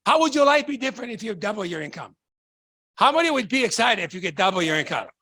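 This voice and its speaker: High-voiced fervent man. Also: sing-song, fast, pushed and bright, no room sound, clean studio sound. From Tonga. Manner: fervent, fires rhetorical questions at the audience. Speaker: motivational speaker. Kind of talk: motivational stage talk.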